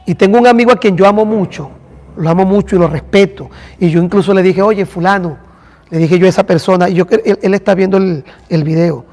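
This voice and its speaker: A man's voice: sits high, fast, a little mellow, in a large hall. A man, a pastor teaching a church class and talking directly to listeners by name. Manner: addresses listeners by name, conversational.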